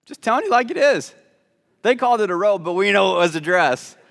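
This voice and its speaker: A male pastor preaches in a church with a voice set high for a man, keeping the tone loose and joking as he stumbles over his words. His sermon rings with the long reverb of the church hall. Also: lively intonation, brisk, vocal fry, fairly bright tone. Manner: conversational and joking, with repeated false starts. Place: church sanctuary.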